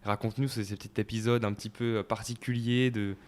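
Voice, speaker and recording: A young man in his twenties hosting a casual talk show, relaxed and joking, with many fillers. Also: on the low side, fast. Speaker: podcast host. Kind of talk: casual conversation.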